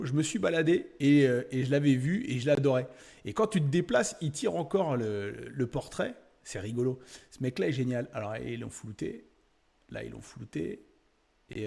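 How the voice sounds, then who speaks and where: Young guy chatting over his screen, gravelly and a bit husky, laughs a lot. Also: medium pitch, darkish tone. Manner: chatty, laughing, thinking aloud with many fillers. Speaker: YouTuber exploring a website. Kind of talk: casual screen-share commentary.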